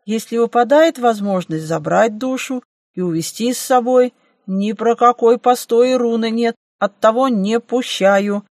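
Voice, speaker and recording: A woman's voice: on the high side, unhurried, darkish tone, no room sound, clean studio sound, voice pushed up. A woman voicing a grumpy, fussy old hunchbacked gatekeeper in an audiobook, scolding in a bureaucratic way. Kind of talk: audiobook reading.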